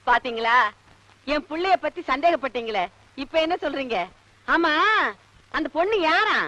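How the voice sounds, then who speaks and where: Casting: a chatty, fussy film mother, high bright voice. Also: animated, moderate pace. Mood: doting. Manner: chatty and wheedling. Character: doting, fussy, teasing middle-aged mother.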